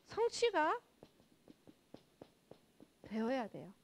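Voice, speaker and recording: A woman's voice: high voice, huge pitch swings, drawn-out words. A woman preaching a children's sermon at a church, speaking straight to the kids, asking them many questions and acting out what children might say. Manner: addresses children directly with frequent rhetorical questions; acts out children's speech in quoted lines.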